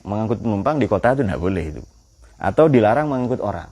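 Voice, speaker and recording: A man's voice: fairly low pitch, fast. A man giving a Quran exegesis lecture, quizzing his audience with questions and telling jokes. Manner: lively, joking storyteller.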